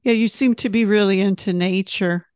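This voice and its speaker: A woman's voice: mid-range voice, steady tone, moderate pace, a little mellow, clear, resonant tone, no echo. A woman from Detroit hosting a casual interview, her mid-range voice recorded dry and close. She keeps the guest talking with encouraging remarks and frequent murmured responses. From Detroit, United States.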